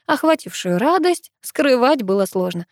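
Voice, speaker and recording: A woman reading a first-person audiobook in a lively, expressive way. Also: high voice, normal speed, no echo, clean studio sound. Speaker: audiobook narrator.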